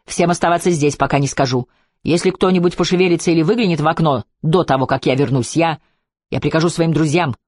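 A man's voice: fairly high pitch, fairly even intonation, quick pace, darkish tone, dry recording, clean studio sound, natural voice. A man reading an audiobook, playing a furious, domineering wealthy businessman who barks curt orders. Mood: threatening.

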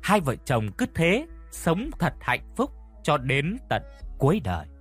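Expressive male audiobook narrator. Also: unhurried, faint music behind. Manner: expressive storytelling, lively pitch.

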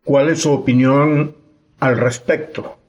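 A man's voice: medium pitch, fairly even intonation, slow, a little mellow. Formal male radio podcast host. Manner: reads prepared introductions and questions.

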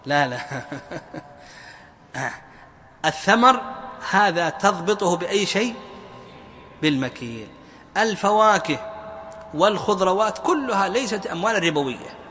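A man teaching a classroom lesson on religious law, quizzing his students with repeated questions and drawing key words out slowly. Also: high voice, animated, pushed and bright, big-room sound. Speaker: Islamic jurisprudence teacher.

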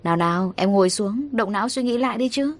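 A woman's voice: mid-range voice, animated, fast, close to an everyday voice. A woman voicing a deceitful stepfather who talks in a coaxing, defensive way. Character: smooth-talking deceitful stepfather, man.

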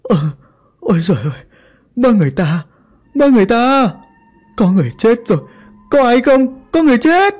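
A man's voice: very high-pitched, big pitch swings, moderate pace, pauses often, a little mellow, voice pushed up. A man voicing a terrified older nanny who screams shrilly and stammers.

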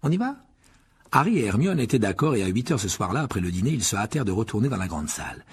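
A man reading a children's fantasy novel aloud as audiobook narration, in an expressive storytelling manner. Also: lowish voice, racing, slight background noise. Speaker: audiobook reader. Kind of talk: scripted narration.

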